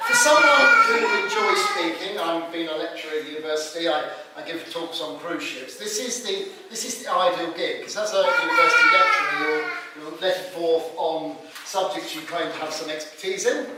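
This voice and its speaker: A middle-aged man gives a humorous father of the bride speech in a halting, joking way, talking directly to his audience. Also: on the high side, wildly swooping pitch. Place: live wedding reception before an audience. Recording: echoey noisy room, distant microphone.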